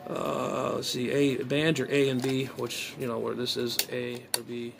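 A male amateur radio hobbyist vlogger mutters through a casual, unscripted gadget unboxing, thinking aloud hesitantly in a mid-range, level, creaky voice. He's in a small bedroom, recorded noisily on a phone held at arm's length.

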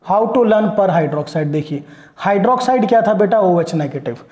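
An animated chemistry teacher with an Indian accent lectures his class, switching from Hindi to English and back while checking on his students' understanding. His high-pitched, slightly mellow voice moves at a moderate pace, and the room is echoey.

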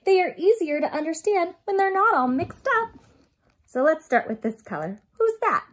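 At home in a small furnished room, a woman in her thirties with a very high voice reads a picture book aloud to young children. She performs it dramatically, gasping, stretching out and stressing key words, and speaking straight to her little listeners.

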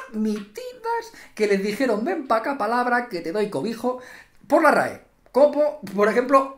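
A man with an accent from Spain rants in a comedic vlog, sarcastic and theatrical. His voice swings widely up and down as he mocks and exaggerates, never staying flat for long. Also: high-pitched. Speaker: YouTuber.

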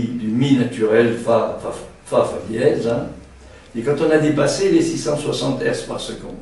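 A man who sings tenor gives a seminar lecture, talking haltingly with many restarts and a frequent tag word. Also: medium pitch, a little mellow, a little hiss or hum. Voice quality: trained singer's voice, a tenor. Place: seminar room. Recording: very echoey room, mic far off.

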